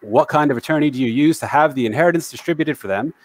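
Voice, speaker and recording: Here the New York-area man's voice runs on the high side and he talks fast. He's the host of a laid-back livestream on a video call, reading out viewer comments in a chatty, self-deprecating way.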